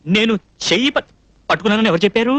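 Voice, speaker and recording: An actor dubbing a film scene, playing a naive, blustering young cook who gets indignant and flustered in a comic way. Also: male voice, high-pitched, rapid-fire, fairly bright tone, dry recording. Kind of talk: dubbed film dialogue.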